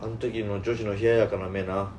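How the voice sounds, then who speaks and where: A man's voice: on the low side, little pitch movement, brisk, noisy background. A young man co-hosting a podcast, chatting casually and reminiscing about school days. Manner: chatty, laughs along, reminiscing. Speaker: podcast co-host. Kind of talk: casual chat.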